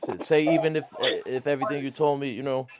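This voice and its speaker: A man's voice: medium pitch, fast. Laid-back male host over a noisy background. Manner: laid-back, encouraging, says "man" and "bro" often. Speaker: podcast host. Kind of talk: casual interview.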